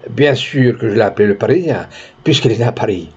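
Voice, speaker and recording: A man voicing a humble, kindly young country housemaid and mother who speaks gently and plainly. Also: lowish voice, quick pace, husky. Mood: earnest. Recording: dull lo-fi recording.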